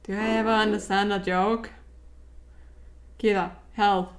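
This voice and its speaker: A young woman chatting casually over gameplay as a streamer, joking in a playful, deadpan way. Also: mid-range voice, unhurried. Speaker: game streamer.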